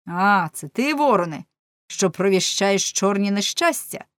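A woman doing a shouting haughty count. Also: mid-range voice, expressive, unhurried, no echo, clean studio sound, natural voice. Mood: angry. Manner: loud, commanding, dismissive. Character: angry proud nobleman count, shouting.

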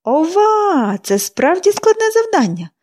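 A woman reader voicing a cheerful, chatty young girl who speaks brightly and eagerly. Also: extremely high pitch, big pitch swings, unhurried, pitched above the performer's own voice, exaggerated voice.

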